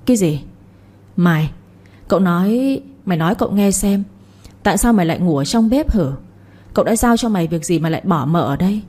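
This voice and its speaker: A woman's voice: lowish voice, lively intonation, a little fast, a little mellow. A woman voicing an angry young master in a storybook reading, barking orders at servants.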